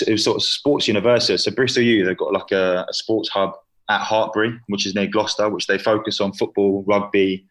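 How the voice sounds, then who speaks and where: A young man in his twenties, chatting casually as an interview guest, full of fillers. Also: fairly low pitch. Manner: chatty, lots of fillers and "you know".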